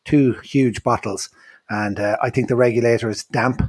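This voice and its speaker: A man's voice: mid-range voice, steady tone, normal speed, a little mellow, breathy edge, no room sound. An Irish-accented man casually telling a rambling story in conversation. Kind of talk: casual storytelling in group chat.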